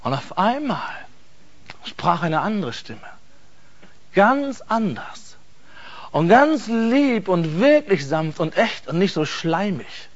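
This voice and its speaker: Speaking slowly in a high-pitched, sing-song voice, a man shares an earnest personal testimony. He is intense and emphatic, doubling up words for stress, and the lo-fi recording sounds dull.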